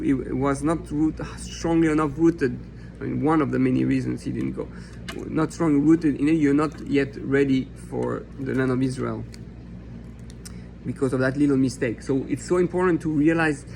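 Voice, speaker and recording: A man's voice: mid-range voice, creaky, background noise. A man raised in France teaching a Torah lesson as a rabbi, reading a text aloud and explaining it in an earnest, impassioned way. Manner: earnest and impassioned, acting out imagined questions and answers.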